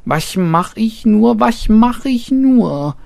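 A man voicing a jittery little young hare in a storybook reading, with a shrill, strained voice and frantic, fretful outbursts. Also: takes it slowly, gravelly, no echo, full character voice. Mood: panicked. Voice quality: shrieking, high and strained.

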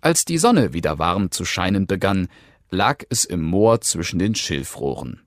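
A man reading a fairy tale aloud, expressive, dropping to hushed tones and lifting again. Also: low voice, measured pace, no echo. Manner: expressive, swinging between hushed and lifted tones. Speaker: storyteller.

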